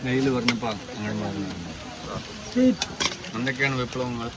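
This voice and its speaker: A man's voice: mid-range voice, steady tone, normal speed. A man makes casual remarks in a group, picked up off-mic. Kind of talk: casual chat. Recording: off-mic amid busy crowd chatter.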